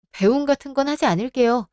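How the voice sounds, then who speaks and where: A woman in her thirties narrates a radio drama and plays the lead wife in a calm, cutting manner. Her voice sits fairly high. The recording is dry and close. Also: no room sound. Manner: cool, cutting, composed.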